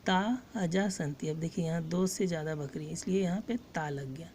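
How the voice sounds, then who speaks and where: A woman teaching a lesson. She reads each phrase aloud and then explains it slowly and patiently. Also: low-pitched, mellow, a little hiss or hum. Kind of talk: slow line-by-line Sanskrit lesson with Hindi translation.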